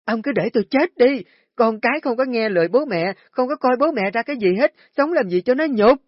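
A man's voice: very high-pitched, expressive, brisk, no echo, voice pushed up. A man voicing a hysterical, stubborn older mother who shrieks and wails. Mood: wailing. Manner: shrieking, screaming complaints. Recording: dry, dull lo-fi recording.

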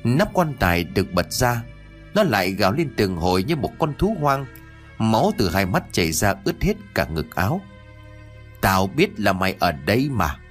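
Expressive male audio story narrator. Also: lowish voice, moderate pace, soft background music. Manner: expressive, dramatic reading.

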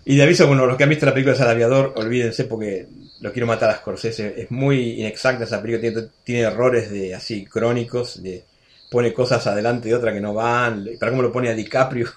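A man's voice: mid-range voice, a little hiss or hum. A man in his sixties with an Argentine accent, a radio guest telling stories in a chatty way, full of restarts and asides. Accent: Argentine Spanish. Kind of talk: casual storytelling interview.

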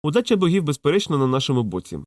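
A man voicing a quick-witted young male thief who talks fast and glibly, in an audiobook. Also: a little high, very animated, darkish tone, no echo, clean studio sound, pitched above the performer's own voice. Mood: wry. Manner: quick, glib, exclamatory.

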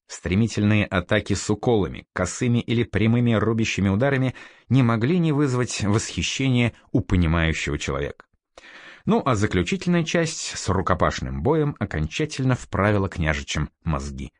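Expressive low-voiced male narrator. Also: no room sound, studio quality. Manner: expressive storytelling reading. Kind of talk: audiobook narration.

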